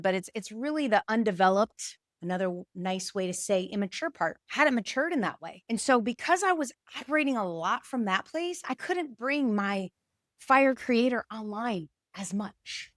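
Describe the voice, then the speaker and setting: A woman's voice: a little high, no echo. Candid woman hosting her own podcast, talks straight into a dry close mic, acts out quotes now and then. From Puerto Rico. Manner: animated and candid, acts out quoted inner voices, some laughs. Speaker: podcast host. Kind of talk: reflective solo talk to camera.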